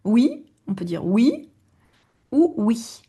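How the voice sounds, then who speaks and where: A middle-aged woman teaching a German lesson, patient and repeating words slowly for learners. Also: mid-range voice. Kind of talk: online language lesson.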